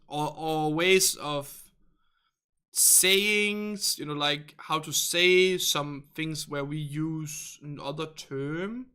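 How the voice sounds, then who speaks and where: Hosting a laid-back livestream in English, a native Danish speaker from northern Denmark reads out viewer chat, rambling chattily, groping for words and laughing a lot. His Danish-accented voice is slightly high, bright, forceful and smooth.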